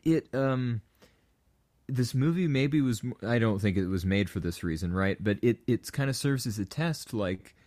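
A man in casual film discussion, animated and jokey, slipping into mock voices now and then. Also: mid-range voice, moderate pace, no echo.

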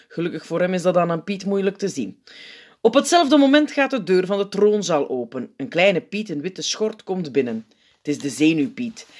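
Expressive woman reading a children's book. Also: fairly low pitch, husky. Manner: expressive storytelling. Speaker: narrator. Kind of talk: audiobook narration.

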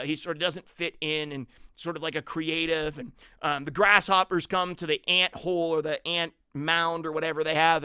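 High, bright-voiced preacher man, animated. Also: clear, resonant tone, no room sound, studio quality. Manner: animated, acts out quoted voices loudly. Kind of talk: sermon.

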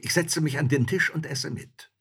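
A man's voice: a little high, moderate pace, creaky, a bit bright, breathy edge, pitched above the performer's own voice, exaggerated voice. A man voicing a bold, hungry, cheeky soldier in a storybook reading, talking in a boisterous, swaggering way.

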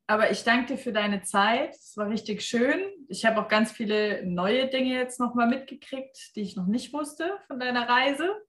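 A woman's voice: fairly high pitch, moderate pace, hardly any pauses, a bit bright, roomy sound. A German-speaking woman hosting a casual podcast interview, laughing often and talking with plenty of fillers. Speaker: podcast host.

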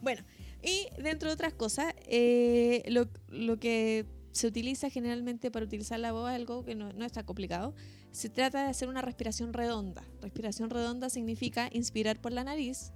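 Chilean lady teacher giving voice tips, kinda high voice, really emphatic, faint music under it. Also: brisk. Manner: explains step by step, emphatic, animated. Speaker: teacher and voice coach. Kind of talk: casual instructive chat.

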